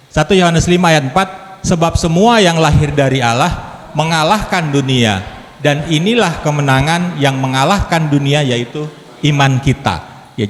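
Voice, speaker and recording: Joking preacher man in an echoey hall. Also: fairly high pitch. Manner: joking, chatty, engages audience. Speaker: lay preacher. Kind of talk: sermon with humor. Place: church hall. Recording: echoey hall, faint background noise.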